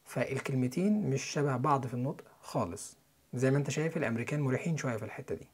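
A young man with an Egyptian Arabic accent, teaching English listening and pronunciation in a quick, chatty way. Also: mid-range voice, darkish tone, husky. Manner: quick, chatty lesson delivery with spelled-out letters and repeated example words.

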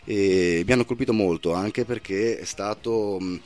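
Man, Veneto accent, lowish voice, hesitant, lots of fillers, radio studio guest. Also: moderate pace, darkish tone. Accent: Italian, Veneto. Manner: hesitant, many fillers and self-corrections. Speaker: guest musician. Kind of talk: casual radio interview.

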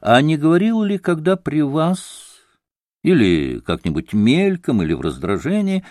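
A man reading the lines of a brisk official investigator in an audiobook, asking probing questions. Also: fairly high pitch, big pitch swings, a little mellow, no room sound, studio quality, pitched above the performer's own voice.

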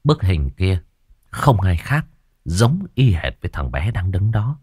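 A man's voice: deep voice, big pitch swings, unhurried, darkish tone, slightly rough, no room sound, studio quality. Man telling a crude ghost story.

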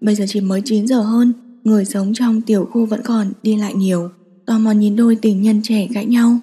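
A woman narrating an audiobook romance in a steady storytelling manner. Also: mid-range voice, a little fast, slightly rough. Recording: long hall reverb.

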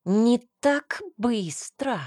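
A woman's voice: low-pitched, a little slow, darkish tone, slightly rough, no room sound, studio quality. A woman voicing a menacing jealous young man. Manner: sugary-venomous, threatening. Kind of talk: audiobook character reading.

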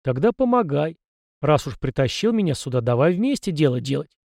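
A blunt young soldier, voiced by a man narrating a storybook. He snaps back sarcastically in a fairly high, plain voice. The recording is dry and close. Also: sing-song, brisk, creaky, a little mellow, no echo.

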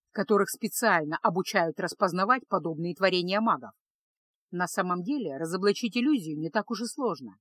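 A woman puts on a gloomy male mage in a storybook reading. He talks low and measured, like a teacher who has explained this too often. The sound is dry and close. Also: a bit bright, husky, no room sound.

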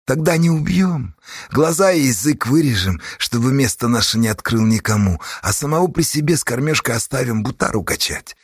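A man's voice: medium pitch, lively intonation, normal speed, slightly rough, no room sound, clean studio sound. A male narrator voicing a cruel, businesslike male prospector in a slightly raised, clipped voice. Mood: cold.

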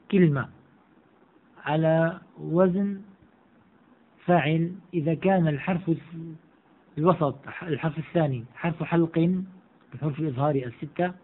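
A man teaching a classical grammar text, reading each line aloud and then explaining it and repeating the examples slowly. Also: fairly high pitch. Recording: tinny, phone-like audio.

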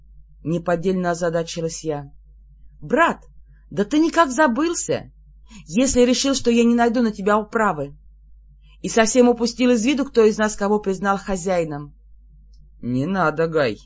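An audiobook reader telling a fantasy story in the first person, with a lively, exasperated edge in the heroine's own lines. Pitch sits in a middle range. The recording sounds slightly dull and lo-fi. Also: moderate pace. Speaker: audiobook narrator.

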